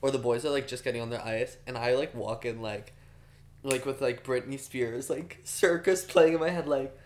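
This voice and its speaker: A man's voice: medium pitch, steady tone, normal speed, a little mellow, a little hiss or hum. Rambling young man telling a story. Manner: rambling, filler-heavy, self-mocking. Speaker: podcast host. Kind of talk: casual storytelling chat.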